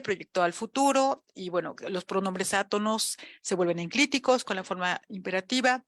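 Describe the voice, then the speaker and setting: A woman's voice: medium pitch, a bit bright, no echo. A woman with a Mexican Spanish accent gives an academic lecture in a chatty, conversational way, often checking in with her listeners. Her voice sits in a middle register. The sound is dry and close, with little room tone. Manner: chatty, frequent tag questions. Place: university auditorium.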